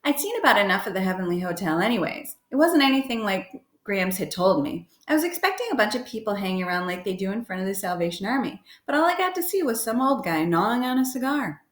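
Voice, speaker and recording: Lively woman reading a storybook aloud. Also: medium pitch, fast talker, hardly any pauses, reverberant. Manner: lively storytelling with brief voices for characters. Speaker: reader. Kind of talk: reading a children's novel aloud.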